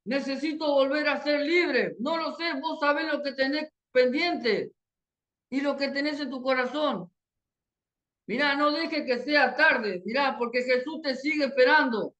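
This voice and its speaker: A woman with an Argentine accent delivers a sermon over a video call. Her voice sits high, and her tone is earnest and pleading. She keeps returning to a little filler that pulls her listeners closer. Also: a little slow, fairly bright tone. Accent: Argentine Spanish. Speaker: preacher.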